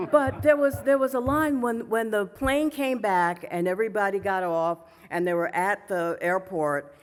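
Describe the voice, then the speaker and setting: A woman's voice: medium pitch, measured pace. Chatty new york lady moderating a con panel, lots of ums, big echoey hall. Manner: chatty and loose, with frequent fillers.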